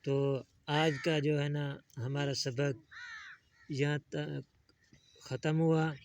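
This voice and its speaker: A man teaching a child to read the Quran in a one-on-one lesson. He is patient and coaxing, and drags out each letter name slowly when he models it. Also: a little high, level tone, a little hiss or hum. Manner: patient, coaxing, calls the student "beta".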